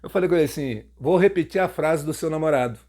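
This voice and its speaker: Brazilian man, slightly higher voice, sarcastic storyteller talking straight to his audience. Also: fast talker. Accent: Brazilian Portuguese. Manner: mocking, jokey, animated telling. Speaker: storytelling YouTuber. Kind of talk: casual first-person storytelling.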